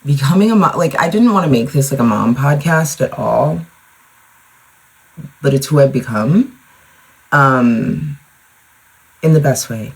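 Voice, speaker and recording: A young mother hosts her own podcast at home in front of a mirror, chatting solo in a loose, rambling way packed with "like" and the occasional swear word. Her voice is rumbling and low, expressive, slightly rough, and a bit slow with frequent pauses, and the audio quality is poor.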